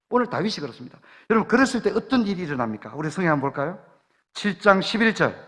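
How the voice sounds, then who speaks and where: A high, bright-toned man with a Gyeongsang accent preaches a revival sermon with fervent force, his voice rising to loud exclamations. His voice rings through a church hall with a long reverb tail. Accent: Gyeongsang Korean. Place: church sanctuary.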